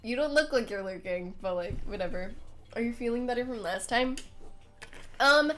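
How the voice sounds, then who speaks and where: A woman's voice: on the high side, animated, normal speed, a bit bright. Congested young woman streamer, pinched-nose nasal voice. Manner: informal, rambling, self-deprecating. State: congested with a cold. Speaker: streamer reading a game aloud and chatting with viewers. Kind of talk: casual livestream chat and game narration.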